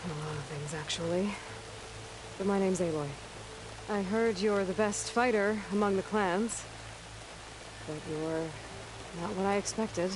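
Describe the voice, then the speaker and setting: An actress playing a determined young huntress in a video game, speaking in an earnest, understated way. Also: female voice, medium pitch, measured pace, pauses often, background noise, natural voice. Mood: hesitant. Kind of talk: video game character acting.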